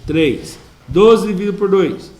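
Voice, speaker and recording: A Brazilian math teacher works problems with his class, chatty and playful and asking his students questions, in a Brazilian Portuguese accent. His voice sits high, expressive and darkish in tone, and he speaks a little slowly. The classroom recording is echoey.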